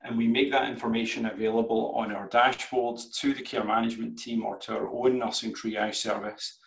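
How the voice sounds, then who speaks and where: A man with a broad Scottish accent giving a business pitch presentation as a startup CEO over a video call. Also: flat delivery, brisk, creaky. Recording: roomy video-call sound.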